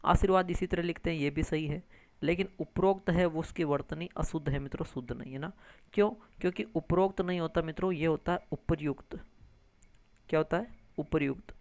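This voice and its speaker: A man teaching an exam-prep grammar lesson in a fairly high, gravelly voice that still sounds smooth and clear. He walks through each answer step by step, asks himself questions and answers them, and keeps checking in with his listeners. The recording is dry and close. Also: brisk, no echo. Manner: addresses viewers as friends, frequent tag questions.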